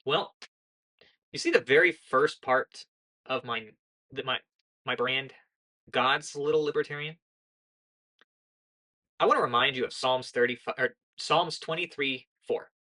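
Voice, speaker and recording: Her voice rumbles low and unhurried as this young American woman, a young adult, talks politics casually, pausing often. The delivery is monotone, earnest and lecturing, with regular mid-sentence self-corrections.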